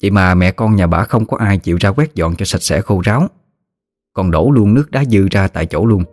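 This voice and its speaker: A man with a Southern Vietnamese accent narrating a story in a lively, slangy, teasing way. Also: low-pitched, a little fast, dry recording, clean studio sound. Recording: faint music behind.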